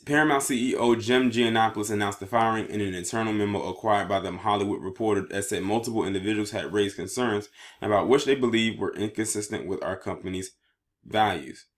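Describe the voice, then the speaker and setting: A man with a fairly low voice delivers online news commentary at a fairly quick pace. He alternates between reading written reports and giving his own take, sometimes tripping over words as he reads.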